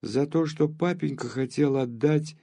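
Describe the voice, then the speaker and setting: A man's voice: fairly high pitch, measured pace, gravelly, dark tone, pitched above the performer's own voice. A man reading an audiobook voices an eager teenage boy. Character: eager teenage boy, keen to share news.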